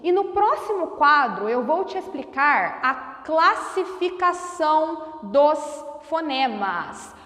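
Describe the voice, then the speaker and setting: A woman teacher giving a phonetics lesson at a whiteboard. She sounds out words very slowly and deliberately. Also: sits high, very animated, fairly bright tone. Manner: slow, deliberate over-enunciation of sounds. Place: classroom with a whiteboard. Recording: echoey room with long reverb.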